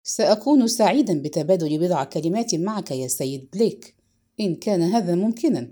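A woman voicing a stern middle-aged male police chief who speaks in a gruff, clipped, controlled way, in a storybook reading. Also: fairly low pitch, expressive, a little fast, dark tone, pitched below the performer's own voice. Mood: formal.

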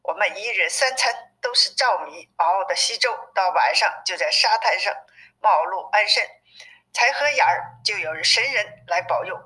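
A woman with a medium-pitched, sharp, animated voice reads a storybook at a moderate pace, voicing weary suffering monks who plead and lament. The audio is narrow and phone-like.

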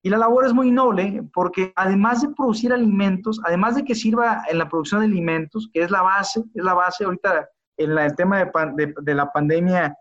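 Guy on a podcast, kinda high voice, earnest, keeps restarting words, dull lo-fi audio. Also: fairly quick, hardly any pauses, a bit bright. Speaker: podcast guest, biotechnologist. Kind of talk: casual interview talk.

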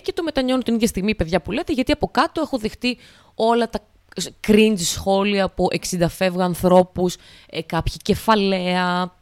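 A young woman from Greece talks through her own podcast in a rambling, sarcastic way. Her voice sits fairly low. It is recorded close and dry, with no room sound. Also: dry recording. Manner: chatty, rambling and sarcastic, with put-on voices for quotes. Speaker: podcast host. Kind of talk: casual solo podcast monologue.

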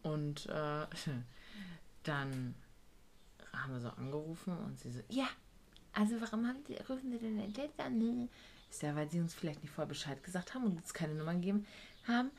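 With a deep, animated voice and a brisk delivery, a woman tells a casual story about a work trip with the residential group she cares for. She's blunt and profane and voices the dialogue herself, and there's slight background noise.

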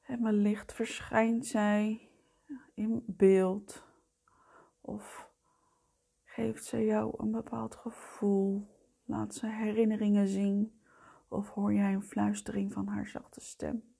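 A woman leading a guided meditation in a soft, breathy voice that often fades towards a whisper, soothing, gentle and unhurried. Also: mid-range voice, little pitch movement. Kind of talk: slow guided meditation narration.

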